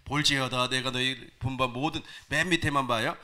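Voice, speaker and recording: A male pastor preaching a sermon to his congregation, animated, asking them questions. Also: mid-range voice, moderate pace. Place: church sanctuary.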